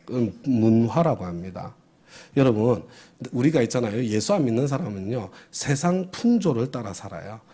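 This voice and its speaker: A man's voice: mid-range voice, dark tone. A male pastor preaching a sermon, who keeps asking his congregation questions and drives each point home with emphasis.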